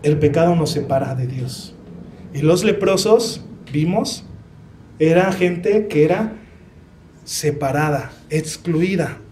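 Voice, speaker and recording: A man's voice: fairly high pitch, takes it slowly, warm tone, slight background noise. A young man preaching a sermon in a Mexican Spanish accent, earnest and personal, often asking the congregation questions.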